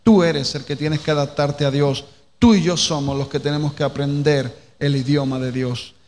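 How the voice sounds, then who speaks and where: A man from preaches a sermon in a fairly high voice. He keeps asking the listeners direct questions and repeats his phrases. The sound carries a long hall reverb with a faint noise underneath. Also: steady tone, normal speed, a little mellow. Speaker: pastor.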